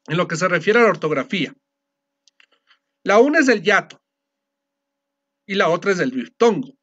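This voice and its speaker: A man with a notably high voice lectures to a class, laying out each rule step by step and checking that his students follow. The recording is dull and lo-fi. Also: a bit bright. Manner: explanatory, often checks understanding with a quick question. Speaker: teacher.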